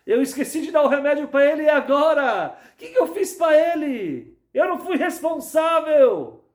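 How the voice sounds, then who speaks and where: A man voicing a desperate young male camp counselor who shouts frantically in a retold story. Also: extremely high pitch, sing-song, normal speed, pitched above the performer's own voice.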